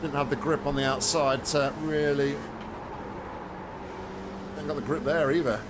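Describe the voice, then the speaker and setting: A man giving calm, casual commentary as he plays a racing game, muttering observations as he drives. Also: fairly high pitch, measured pace. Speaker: sim racing streamer. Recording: loud engine noise over voice. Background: loud race car engine noise from game.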